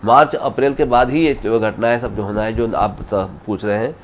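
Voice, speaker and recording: Halting male astrologer explaining at length. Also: fairly low pitch, fairly even intonation, a little hiss or hum. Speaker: astrologer guest. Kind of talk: unscripted interview answers.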